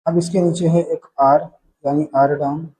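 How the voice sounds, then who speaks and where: A man teaching a shorthand lesson step by step, calling out paired sounds in a steady drill rhythm. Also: on the high side, normal speed, slightly rough, low-quality recording.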